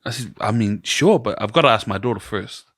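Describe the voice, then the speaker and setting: A man's voice: lowish voice, lively intonation, a little fast, a bit bright, dry recording, studio quality. A middle-aged man with a New Zealand accent, hosting a casual podcast chat and telling long stories, acting out the voices of people he quotes. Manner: rambling storyteller, acts out quoted voices. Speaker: podcast host.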